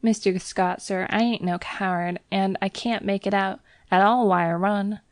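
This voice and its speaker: A woman's voice: medium pitch, fairly even intonation, moderate pace, no room sound, pitched above the performer's own voice, lightly acted. A woman voicing a young Cockney bellboy, a former soldier, who drops his h's and keeps saying sir. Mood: uneasy.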